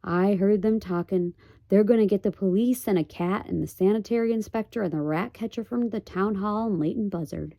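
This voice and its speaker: A woman voicing a weary, plain-spoken tiny borrower father who talks in a flat, expressionless way. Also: medium pitch, fairly quick, vocal fry, no room sound, close to an everyday voice. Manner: flat, expressionless, rustic grammar.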